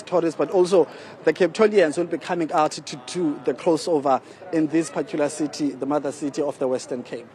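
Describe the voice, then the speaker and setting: South African man reporting, fairly high voice. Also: a little mellow. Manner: conversational, wordy, frequent "you know". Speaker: TV news reporter. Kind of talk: live on-location report and interview. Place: outdoors on a city street. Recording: outdoor street, faint traffic noise.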